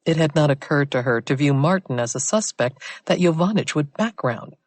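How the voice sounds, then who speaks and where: A woman's voice: low voice, animated, moderate pace, a little mellow, no echo. Woman narrating a mystery audiobook. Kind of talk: scripted narration.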